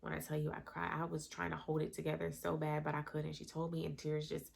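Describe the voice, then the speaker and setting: A woman's voice: sits low, completely flat delivery, a little fast, creaky. A woman in her thirties telling a candid, emotional personal story in a conversational vlog. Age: 30s. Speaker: vlogger.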